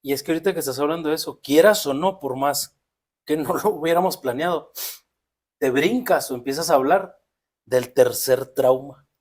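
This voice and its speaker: Mexican man, podcast co-host, reflective explainer, slightly high-pitched. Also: normal speed, a little mellow. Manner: reflective, explains at length with many restarts. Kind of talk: casual podcast conversation.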